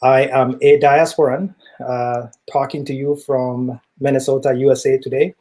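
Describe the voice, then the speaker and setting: A middle-aged tech entrepreneur from East Africa, with ties to Ethiopia and Kenya, speaks as an interview guest with an East African accent. His medium-pitched voice is mellow and relaxed. He explains his points earnestly and in a measured way, often feeling for the next phrase.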